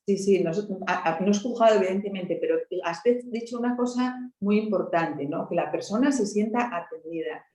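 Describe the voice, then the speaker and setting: A Spanish woman from Asturias talks through her points in a relaxed, explanatory way, often tagging her sentences with quick questions. Her voice carries a noticeable echo, as if recorded in a hard-walled room. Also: medium pitch. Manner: explanatory, many tag questions. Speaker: helpline volunteer speaker. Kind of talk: conversational talk.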